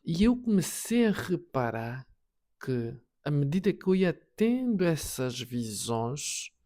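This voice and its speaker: A man preaching a personal testimony sermon, swinging between hushed and loud, repeating words for emphasis. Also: mid-range voice. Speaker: prophet preacher.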